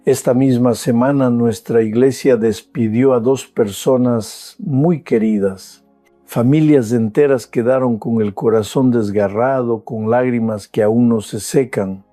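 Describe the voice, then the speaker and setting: Older man, pastor, sermon, slow measured delivery, dramatic pauses, dry close sound. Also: medium pitch, fairly even intonation, dark tone, no room sound, soft background music. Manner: slow, measured preaching with dramatic pauses and rising emotional emphasis.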